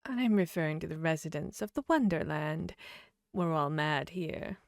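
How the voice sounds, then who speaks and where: A woman's voice: sits low, expressive, vocal fry, dry recording, clean studio sound. A woman voicing a grinning, fickle cat from Wonderland, playful and riddling, in an ASMR fantasy roleplay. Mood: soothing, mischievous. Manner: slow, playful, riddling drawl. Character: grinning Cheshire cat, teasing, fickle, mad Wonderland creature.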